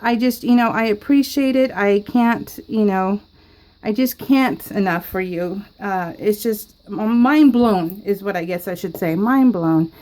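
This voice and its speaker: Her voice is medium-pitched, darkish, and a little slow, and the recording is rough. She's a scrapbooking vlogger from California, casually rambling through a story while crafting at home and laughing frequently.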